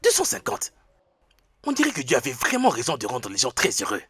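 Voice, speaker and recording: A man dubbing an excitable young male servant in a film, laughing often and swinging between boasts and worry. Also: medium pitch, fairly quick, slightly rough, no room sound, soft background music, exaggerated voice. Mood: jubilant. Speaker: houseboy servant. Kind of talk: French film dub.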